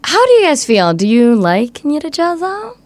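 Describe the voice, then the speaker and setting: A woman's voice: high voice, wildly swooping pitch, normal speed, darkish tone, no echo. A woman hosting a radio program in a casual, conversational style, asking guests questions. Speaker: radio host. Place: radio studio.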